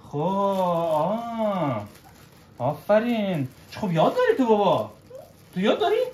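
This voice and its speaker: A man, gently coaching his child through baking at home, checking in with short questions. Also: high voice, wildly swooping pitch. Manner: patient, coaxing, keeps checking with short questions. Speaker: father cooking with his child. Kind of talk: casual instructional chat with a child. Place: home kitchen. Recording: echoey kitchen room.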